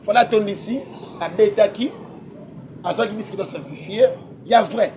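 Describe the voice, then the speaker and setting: A man, debating music as a guest commentator, excitable and quick to laugh, often repeating his words. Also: high-pitched, a little hiss or hum. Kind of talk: heated casual debate.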